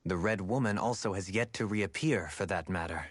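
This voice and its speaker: Composed, low-voiced gentleman adviser. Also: husky, no room sound. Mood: composed, pensive. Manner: measured, formal, old-fashioned phrasing. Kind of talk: video game voice acting.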